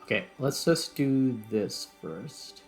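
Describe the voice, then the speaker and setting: This male gaming host speaks slowly and animatedly in a mid-range, darkish voice with vocal fry. He offers casual commentary on his gameplay, musing out loud as music plays behind him.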